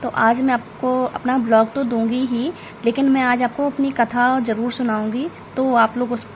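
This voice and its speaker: A woman's voice: a little high, level tone, moderate pace, slight background noise, poor audio. Woman chatting through a vlog intro. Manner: chatty, speaks in loose explanatory runs. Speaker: vlogger. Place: at home during a puja.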